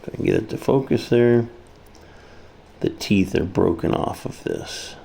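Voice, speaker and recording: A man mutters to himself as he casually demonstrates a hands-on repair, his voice on the low side, gravelly and mellow at a measured pace. There's faint background noise.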